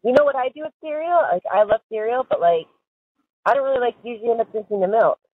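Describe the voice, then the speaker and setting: A woman's voice: a little high, lively intonation, fast, slightly rough. A woman chatting on a recorded prison phone call, giggly and full of fillers like "like". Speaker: caller to an inmate. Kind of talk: casual phone chat. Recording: tinny, dry phone line.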